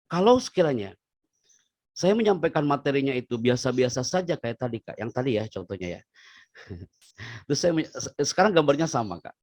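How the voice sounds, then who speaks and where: Guy running a public speaking class on a video call, voice jumps all over, gravelly, dry sound. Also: medium pitch, no echo. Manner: animated, playful, swings between loud and hushed. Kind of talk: lively online seminar talk.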